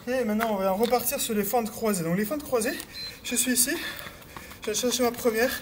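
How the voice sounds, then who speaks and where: In a very high voice and a slightly fast delivery, a male fitness coach guides a cardio workout while exercising. He fills his speech with hesitations, counts the beats, pushes for faster movement and is a little breathless. Noise and clicks run through the recording.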